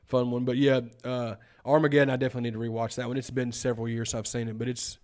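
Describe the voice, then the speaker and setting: Young male podcast co-host, mid-pitched voice, excitable and slangy, rambles. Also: quick pace. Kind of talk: casual chat.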